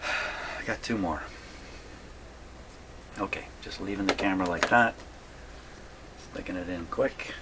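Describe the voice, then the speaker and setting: A low-voiced man pauses often and keeps a measured pace while hosting a hands-on repair video. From his home radio workshop, he casually talks through the electronics work, thinking aloud and muttering to himself. The recording is clear, with background noise.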